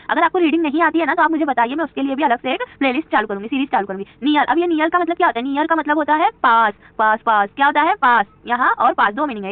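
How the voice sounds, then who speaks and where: A woman's voice: sits high, dry recording. A woman with a Hindi accent teaching a beginner spoken English lesson. She keeps asking her own questions and answering them over and over. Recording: tinny phone-like audio.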